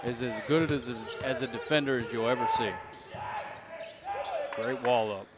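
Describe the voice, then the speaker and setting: A man's voice: medium pitch, normal speed. A man giving basketball color commentary, emphatic and full of praise for the players. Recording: loud arena crowd behind. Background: crowd noise, basketball bounces.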